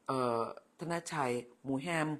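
An older woman hosting a casual livestream, chatting in a motherly way, calling viewers "child" and thanking them by name. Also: slow pace. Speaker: livestream host.

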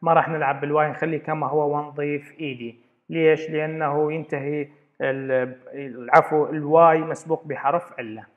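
A man's voice: fairly high pitch, fairly even intonation, brisk. A man teaching an English grammar lesson, explaining step by step and repeating words as he goes. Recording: dull lo-fi recording.

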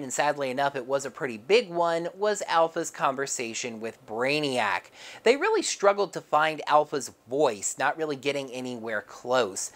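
A woman narrating a casual comic book review with wry, sarcastic asides. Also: deep voice.

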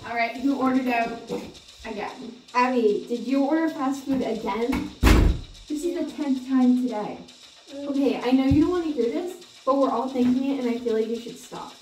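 A woman's voice: high-pitched, normal speed, darkish tone. A young woman lecturing a roommate in a scolding, preachy way during a comedy skit. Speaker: college roommate. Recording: echoey room, from far off, music behind.

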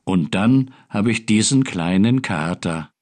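A man voicing a calm, kindly older farmer who speaks in an unhurried way, in a read-aloud game story. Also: lowish voice, voice pushed down. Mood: content.

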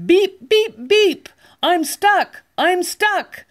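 A woman's voice: level tone, very slow, exaggerated voice. A woman voicing a small, friendly little blue truck with exclaimed beeps in a children's picture-book read-aloud. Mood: pleading. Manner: high beeping, exclaiming.

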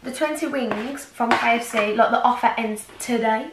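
A woman's voice: fairly high pitch, moderate pace, background noise. A young woman co-hosting a casual eating vlog, chatting in a rambling way full of fillers. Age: young adult. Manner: rambling, filler-heavy, giggly. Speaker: vlog co-host. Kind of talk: casual chat. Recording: echoey room, distant mic.

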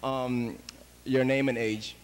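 A man's voice: mid-range voice, little pitch movement, slow. A man hosting a TV show, chatty and upbeat, passing questions along and introducing guests. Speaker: TV show host.

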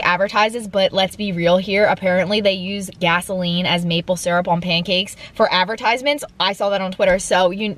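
A woman's voice: mid-range voice, a bit bright. A young woman chatting casually to her camera from inside a car, with lots of "like". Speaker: vlogger. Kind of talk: casual vlog chat. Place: in a parked car. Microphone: phone camera on dashboard.

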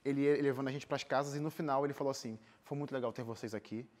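A young Brazilian-accented singer and missionary volunteer sits in a TV studio, telling personal stories casually and animatedly as an interview guest. His medium-pitched voice has a darkish tone and fairly even intonation, and he talks at a racing pace.

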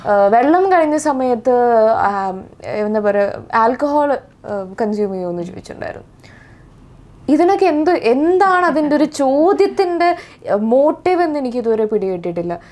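A young actress with a Malayali accent, answering interview questions thoughtfully and hesitantly, with many fillers and restarts. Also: female voice, high voice, big pitch swings, normal speed, a little mellow. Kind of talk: casual interview.

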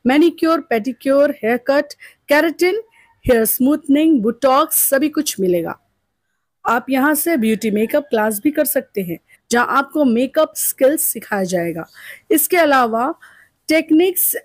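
A woman reporter narrating a promotional news segment with a lively delivery. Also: sits high, no room sound. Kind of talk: news narration and interview questions.

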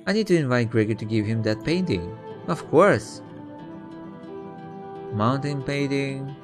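A man's voice: medium pitch, animated, measured pace, music in the background. A man giving casual let's-play commentary, thinking aloud and reading text off the screen. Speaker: video game player and commentator.

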